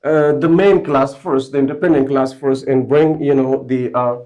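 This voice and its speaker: A man's voice: mid-range voice, steady tone, normal speed, mellow, slight background noise. A man teaching English grammar to a class of students. He explains step by step and keeps checking whether they understand.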